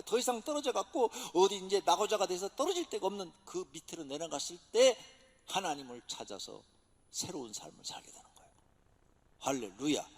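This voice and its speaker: A male pastor preaching a sermon with passion, swinging from shouted exclamations to hushed whispers. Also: sits high, creaky. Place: church sanctuary. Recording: church hall reverb.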